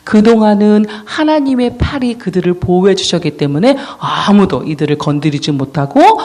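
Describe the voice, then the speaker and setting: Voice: mid-range voice, lively intonation, normal speed, darkish tone. A children's ministry preacher telling a Bible story in a children's sermon and asking the children questions.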